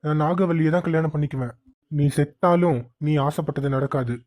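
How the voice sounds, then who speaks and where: A man's voice: on the high side, fairly quick, a little mellow, lightly acted. A man voicing Karthikeyan, a firm young man. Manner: firm, scolding. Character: young man firmly refusing a suitor. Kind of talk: cartoon voice acting.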